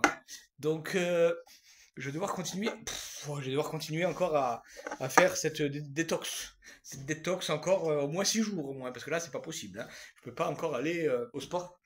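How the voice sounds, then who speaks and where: A man riffs in a rambling comic monologue, his voice pitched a touch high and bouncing all over the place. He is crude and jokey, piles on fillers and repeats himself, and jumps from loud outbursts to low mutters. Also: a little hiss or hum. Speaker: vlogger.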